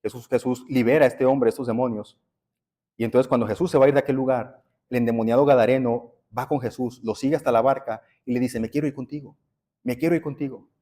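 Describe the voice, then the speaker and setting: A man's voice: mid-range voice, fairly even intonation, quick pace, dark tone. A man, preaching a sermon in a church and telling stories in a conversational way. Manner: conversational storytelling preaching, addresses listeners as brothers. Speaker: pastor. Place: church sanctuary.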